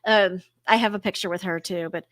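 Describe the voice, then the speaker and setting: A woman co-hosting a podcast, telling stories in an animated, chatty way and swearing freely. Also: mid-range voice, a little fast, no room sound, studio quality. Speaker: podcast co-host. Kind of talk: casual chat.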